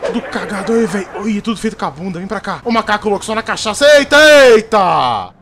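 A young man with a Brazilian Portuguese accent giving excited, slangy let's-play commentary and shouting at the screen. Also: high-pitched, racing, a little hiss or hum. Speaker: gaming youtuber. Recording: game music playing under voice.

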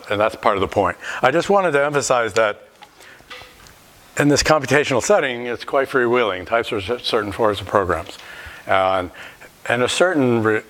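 A middle-aged male lecturer with a lowish voice, speaking in a lecture hall. He thinks aloud as he explains, breaking off and restarting his phrases. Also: fairly bright tone. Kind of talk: university lecture.

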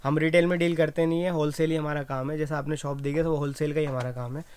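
Fast-talking young shopkeeper, monotone patter. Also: male voice, fairly high pitch, clear, resonant tone, no room sound. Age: young adult. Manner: rapid salesman patter, rattles off prices; repeats "haan ji" agreement. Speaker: wholesale shop owner. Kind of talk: product walkthrough. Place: cramped indoor bag shop.

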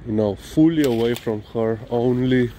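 His voice is warm and medium in pitch as he rambles hesitantly through a casual walk-and-talk vlog, frequently saying "you know." He's a Slovenian-accented man who owns a dog and vlogs, filmed outdoors on a walk. Background noise and vehicles are clearly heard.

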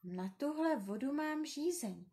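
A woman reading as a gentle little prince. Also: sits high, animated, pitched above the performer's own voice. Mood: wondering.

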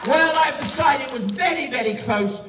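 A man's voice: extremely high pitch, moderate pace. An older man with an English accent, doing playful, theatrical kids' party magician patter and teasing children as he instructs them. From England. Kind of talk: kids' party magician patter, live comedy stage show. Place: large wood-panelled indoor council chamber. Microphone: audience phone camera from several metres. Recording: echoey hall, distant phone, noisy young audience. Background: crowd of children and adults.

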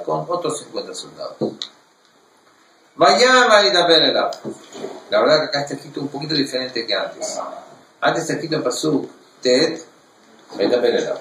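A man teaching a Torah class, reading verses in Hebrew and explaining them in an animated way. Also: medium pitch, vocal fry, reverberant, recorded from a distance, a little hiss or hum, rough recording.

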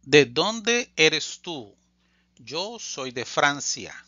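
A man teaching a language lesson, reading phrases slowly and deliberately and repeating them for learners. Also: fairly high pitch, big pitch swings, bright, forceful tone, no echo, lo-fi sound. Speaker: Spanish teacher. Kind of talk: slow scripted language lesson.

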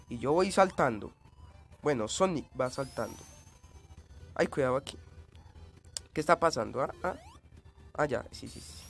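A man giving gameplay commentary, coughing and sounding changed by a cold, yelping and screaming at in-game hazards. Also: fairly high pitch. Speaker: let's play gamer.

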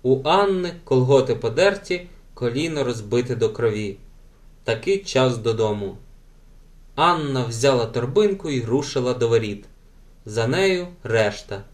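A man reading a children's audiobook aloud with gentle, animated storytelling. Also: medium pitch, measured pace. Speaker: audiobook narrator.

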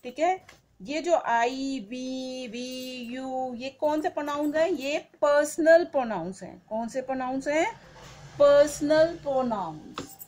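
A woman teacher giving a grammar lesson to children, saying each word slowly and asking questions that she answers herself. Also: high-pitched, darkish tone, slight background noise. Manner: slow, drawn-out word-by-word dictation.

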